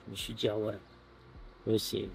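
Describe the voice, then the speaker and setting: A man in his thirties from France, a footballer guest chatting casually on an outdoor terrace, relaxed and full of filler phrases. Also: on the low side, normal speed, vocal fry, slight background noise. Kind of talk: casual interview chat.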